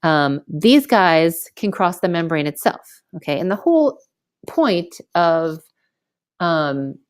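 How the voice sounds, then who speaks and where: A woman giving an informal screen-recorded lecture as a teacher, explaining step by step in casual, colloquial language and often checking in with a quick okay. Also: on the low side, sing-song, no echo, clean studio sound. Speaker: biology teacher. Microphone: close mic on a screen recording.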